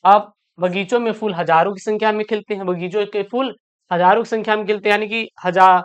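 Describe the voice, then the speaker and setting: A woman's voice: mid-range voice, steady tone, clear, resonant tone. A woman teaching an online exam-prep lesson. She calls her students "beta", reads each question aloud, often repeats it, then answers it. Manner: addresses students as "beta", quick and explanatory.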